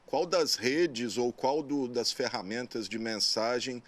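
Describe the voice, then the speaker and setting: A man's voice: mid-range voice, slow pace. A man hosting a TV interview, asking questions conversationally with hesitant restarts, with a Brazilian accent from the São Paulo interior. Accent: São Paulo interior Brazilian Portuguese.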